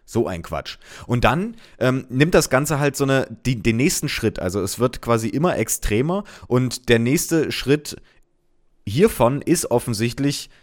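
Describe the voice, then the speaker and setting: A man reading out reactions to his post with sarcastic, deadpan asides in casual commentary. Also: medium pitch, unhurried. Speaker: social media commentator.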